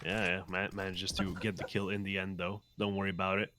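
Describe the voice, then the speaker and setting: A man doing live play-by-play commentary on a competitive shooter match, reacting quickly to the action. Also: sits low, level tone, sharp tone, slight background noise. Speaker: esports commentator.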